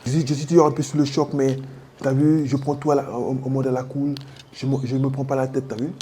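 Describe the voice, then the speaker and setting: In a brisk, level, mid-range voice with a dark tone, a man with a French Guianese accent tells his own story during an interview. He speaks in vivid slang, adds sound effects, and calls the listener brother, with a little hiss or hum audible.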